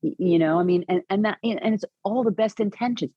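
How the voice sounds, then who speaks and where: A woman guest on an interview podcast, telling a personal story in an earnest, animated way with many restarts. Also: medium pitch, brisk, slightly rough, dry recording, muffled recording. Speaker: podcast guest, caregiving advocate.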